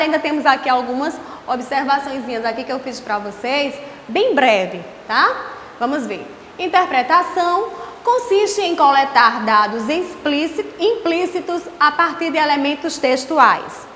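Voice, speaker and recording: High lively Brazilian woman teaching. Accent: Brazilian Portuguese. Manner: explains slowly with frequent rhetorical questions. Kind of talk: online class lesson. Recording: echoey room with faint hiss.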